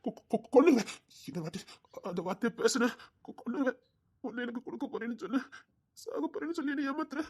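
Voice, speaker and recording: A man with a Tirunelveli Tamil accent playing an older man on duty, a gruff yet tender lover who stammers. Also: very high voice, lively intonation, quick pace, long pauses, heavily acted. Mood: angry, alarmed. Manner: stammers, turns from cold to tender. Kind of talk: romantic short-drama acting.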